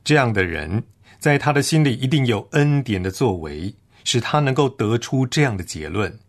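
A man preaching a read sermon in a slow, earnest, solemn way. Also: medium pitch, lively intonation, creaky.

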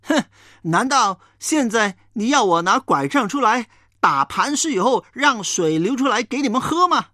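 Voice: medium pitch, expressive, normal speed, bright, forceful tone, no echo, studio quality, voice pushed up. A preacher voicing Moses as an exasperated old leader who has had enough of the people's complaining. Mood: angry. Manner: complaining, angry outbursts.

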